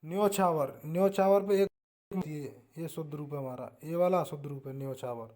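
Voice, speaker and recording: A man with a Hindi accent leads a spelling lesson for exam preparation in a fairly high voice. He repeats each word as a drill, and his voice often drops away at the end of a line. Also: normal speed. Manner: drills words, often trails off softly at line ends. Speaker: exam-prep teacher.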